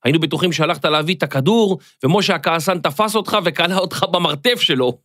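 A man's voice: a little high, a bit bright, no room sound, studio quality, close to an everyday voice. A man voicing a playful, teasing young schoolboy in a children's audio story.

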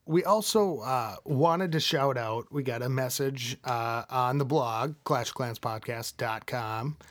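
Male podcast host, casual and rambling, mid-pitch, dry close mic. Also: measured pace, a bit bright, no room sound. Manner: rambling, many fillers and restarts.

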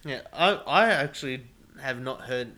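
A man's voice: mid-range voice, lively intonation, a little slow, sharp tone. A man with an Australian accent hosting a casual podcast chat, rambling and filling his talk with "like". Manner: rambling, heavy use of "like". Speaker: podcast host.

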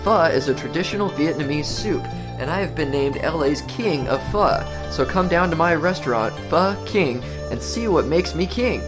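A cheerful restaurant owner, as a man puts him on, pitches his shop in a mock radio advert. The voice sits fairly high and swings lively up and down. Music plays clearly behind him. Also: normal speed, hardly any pauses, close to an everyday voice. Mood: salesy. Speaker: ad spokesman.

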